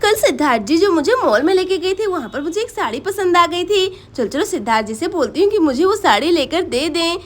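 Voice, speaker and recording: A woman's voice: extremely high pitch, big pitch swings, a little fast, hardly any pauses. A woman voicing Pinky, a young wife in a doll story who pleads, whines and sulks tearfully. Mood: chatty.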